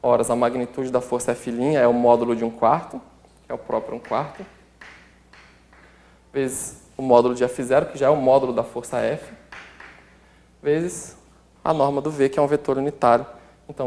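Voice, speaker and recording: A Brazilian Portuguese-accented math instructor teaches a step-by-step calculus lesson, writing out and working through sums and checking in with the listener often. His mid-range voice is steady, gravelly and a little mellow, brisk yet broken by long pauses, and the recording has a roomy echo.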